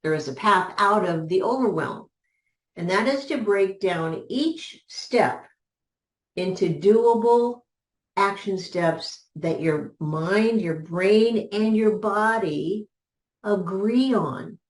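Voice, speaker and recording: Slow-spoken woman business coach, roomy sound. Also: mid-range voice, lively intonation. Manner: measured, repeats key words for emphasis. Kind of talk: motivational teaching talk.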